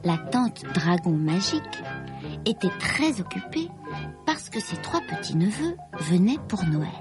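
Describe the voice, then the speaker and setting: A woman reading a children's story aloud in a slow, expressive, lilting way. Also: lowish voice, music in the background.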